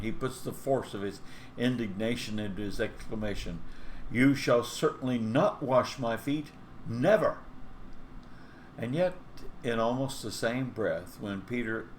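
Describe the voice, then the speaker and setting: A male pastor giving an earnest, measured Bible teaching with occasional hesitations. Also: fairly low pitch, a little hiss or hum, poor audio.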